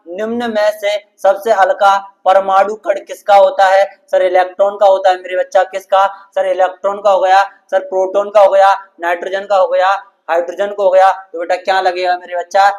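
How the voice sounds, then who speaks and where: A young man teaching an exam-prep lesson in speech, quizzing students with call-and-response questions and repeating the answers, often calling them his dear children. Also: sits high. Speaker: coaching teacher.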